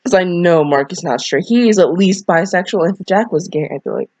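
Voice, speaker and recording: Her voice sits on the low side, darkish and brisk with lively intonation, and the muffled lo-fi home recording carries no room sound. An amateur YouTuber who is ill and lying down indoors, this young woman reads fanfiction aloud, mumbling casual asides full of slang, swearing, bluntness and self-mockery.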